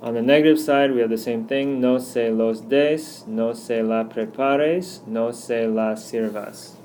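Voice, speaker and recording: A man of middle pitch talks through a slideshow lesson, patient and explanatory. He slows down whenever he works through an example. A faint hiss sits under his voice. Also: mellow. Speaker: Spanish teacher.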